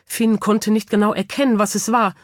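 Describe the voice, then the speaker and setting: A woman narrating a children's audiobook with lively, expressive storytelling. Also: medium pitch, moderate pace, no room sound, clean studio sound.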